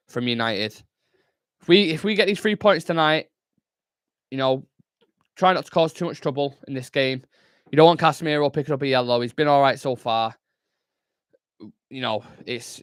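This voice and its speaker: A man's voice: medium pitch, no echo. A young man chats loosely through a live football watchalong, swearing freely and answering viewers as he goes. His voice sits in a middle register. The recording is dry and close. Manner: casual, chatty, swears freely, reads chat aloud. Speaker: fan channel host.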